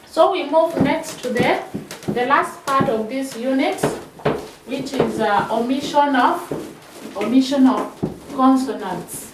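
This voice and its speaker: A woman with a high voice teaches slowly and patiently, repeating each drill word several times. She sounds set back from the mic, and her voice carries in an echoey room. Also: recorded from a distance, background noise. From Kenya. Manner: slow, repeating words in drills. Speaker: shorthand teacher. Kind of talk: classroom lesson.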